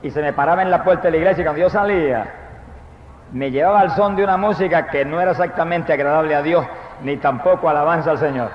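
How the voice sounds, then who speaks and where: A man preaching his testimony at a church service, telling his story and then breaking into fervent shouted praise. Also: on the high side, quick pace, a little hiss or hum. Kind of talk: impassioned testimony sermon. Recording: echoey, dull live hall recording.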